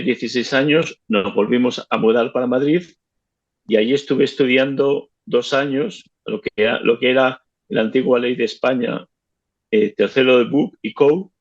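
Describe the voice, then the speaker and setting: Interview guest: man, 50s, born in Cuba, hesitant and repetitive delivery, dull lo-fi sound. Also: medium pitch. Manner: halting, repeats words while recalling. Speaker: interview guest, retired teacher. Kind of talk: casual interview.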